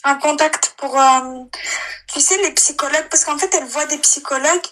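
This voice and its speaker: Bright, high, nasal young woman caller. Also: fairly even intonation, normal speed, rough recording. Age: 20s. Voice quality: nasal, pinched nose. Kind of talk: casual, hesitant chat.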